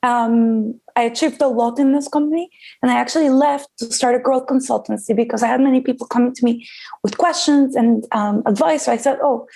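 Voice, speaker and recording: Woman guest from Costa Rica, 30s, mellow and gravelly, chatty with lots of ums. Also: fairly high pitch. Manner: chatty, frequent ums, laughs easily. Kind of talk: casual interview.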